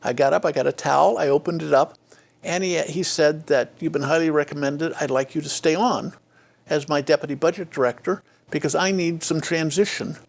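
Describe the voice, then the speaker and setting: Older man with a gravelly, fairly high voice. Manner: frequent fillers and restarts, acts out quoted dialogue. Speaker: interview guest, former state official. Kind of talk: reflective storytelling interview.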